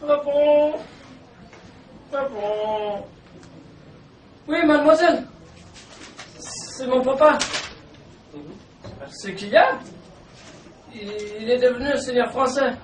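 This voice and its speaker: A woman's voice: high voice, takes it slowly, pauses often. A woman with a Quebec French accent acting a flustered, fussy mother who exclaims a lot. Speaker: amateur stage actor. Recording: echoey room, far from the mic, faint noise.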